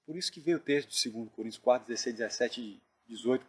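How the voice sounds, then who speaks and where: A man earnestly retelling a dream in casual storytelling, often dropping his voice to a hush. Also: mid-range voice, very fast, slightly rough. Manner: earnest, drops to hushed tones when reliving tense moments. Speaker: dream narrator.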